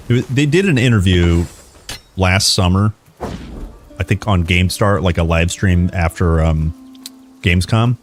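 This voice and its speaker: A man streaming a game live, chatting casually in an informal, enthusiastic, rambling way. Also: low voice.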